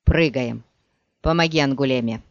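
A man's voice: on the high side, normal speed, a bit bright, clean tone, dry recording, natural voice. A man doing a grim commanding witcher. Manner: barked short commands. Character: grim male witcher leading a fight. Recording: dull dry lo-fi recording.

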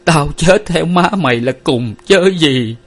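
A man's voice: a little high, expressive, measured pace, voice pushed up. A man playing a grief-stricken older father in a storybook reading, choked and lamenting.

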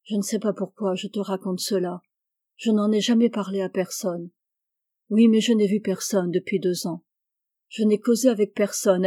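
A woman's voice: medium pitch, mellow, no room sound, studio quality, lightly acted. A woman voicing a tormented, jealous husband in a dramatic audiobook reading, with intense, obsessive outbursts. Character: jealous, tormented husband raging over his wife.

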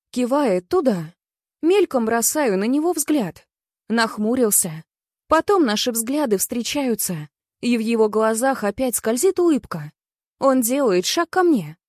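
Brief: expressive female storyteller, bright-ish higher voice, dry booth. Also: a little slow, no echo. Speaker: audiobook narrator. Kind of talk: first-person fiction narration.

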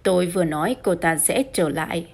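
A woman voicing a calm, stern male police inspector in an audiobook, unhurried and dry. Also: lowish voice, slightly rough. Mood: cool. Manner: cool and unhurried.

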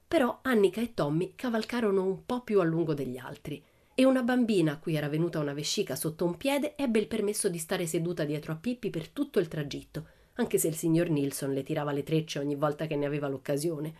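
A woman narrating a children's novel aloud in an expressive storytelling manner. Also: sits low, quick pace. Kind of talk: audiobook reading of a children's novel.

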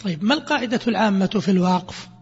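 A man teaching Arabic grammar, asking questions and answering them himself while repeating examples slowly. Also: high voice, lively intonation, darkish tone, a little hiss or hum. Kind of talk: classroom explanation of grammar. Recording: echoey, dull lo-fi lesson recording.

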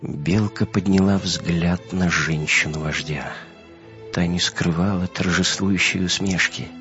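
A man reading an audiobook in steady, measured storytelling narration. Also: deep voice. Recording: muffled recording with soft music.

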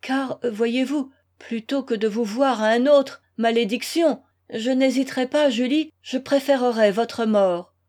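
A woman's voice: fairly high pitch, unhurried, darkish tone, close to an everyday voice. A woman reading a desperate young man who passionately pleads with the girl he loves, in a storybook reading. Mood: anguished.

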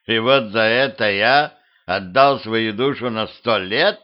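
A whiny, blustering middle-aged man, as a male narrator plays him, pitched a little above the reader's usual voice. He complains and tries to sound brave. The sound is muffled and lo-fi. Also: takes it slowly. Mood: whining. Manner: whining, blustering. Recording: muffled lo-fi home recording.

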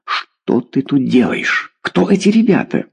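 A man's voice: huge pitch swings, normal speed, creaky, mellow, husky, heavily acted. A man reading a story aloud, voicing a middle-aged mother who is frantic and scolds her daughter. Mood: scolding. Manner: shrill, exasperated.

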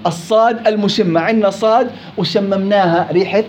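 A man teaching a tajweed lesson on Quran recitation. He drawls sample words slowly, repeats them, and quizzes the class. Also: high voice, darkish tone. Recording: dull lo-fi with faint background noise.

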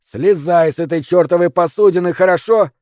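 A man voicing a stubborn, angry old former police chief who shouts in a strained way. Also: sits high, fairly quick, dry recording, clean studio sound, voice pushed up, lightly acted. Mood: shouting.

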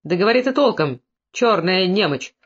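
A reader doing a gruff scolding merchant. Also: mid-range voice, lively intonation, moderate pace, a bit bright, muffled recording. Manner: barking, scolding. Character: gruff domineering middle-aged merchant.

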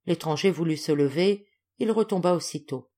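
A woman narrating a classic novel audiobook in a measured, clear storytelling manner. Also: deep voice, dark tone. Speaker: audiobook reader.

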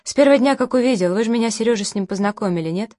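A woman reading the part of a bitter, sardonic middle-aged man in an audiobook, in a fairly high, dry voice. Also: rapid-fire, mellow, no echo, lightly acted. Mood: bitter, caustic. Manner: caustic, bitter, challenging.

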